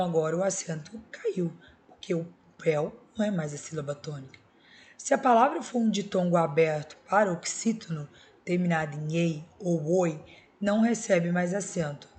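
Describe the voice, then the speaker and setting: A Brazilian woman teaching a Portuguese class, explaining grammar rules step by step and checking in with her students. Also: lowish voice. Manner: explains step by step with tag questions. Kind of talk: recorded school video lesson.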